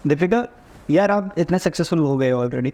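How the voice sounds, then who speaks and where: A man hosting a podcast, asking friendly questions in a relaxed way and mixing English into his talk. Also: a little high, moderate pace. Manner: friendly questioner, says yaar often, mixes English in. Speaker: podcast host. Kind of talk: casual interview questions.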